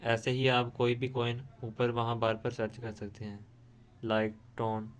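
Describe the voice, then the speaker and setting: Tutorial host, male. Smooth, even delivery, explains step by step and often restarts phrases. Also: mid-range voice, unhurried. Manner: steady explaining with frequent restarts. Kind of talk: screen-recorded tutorial.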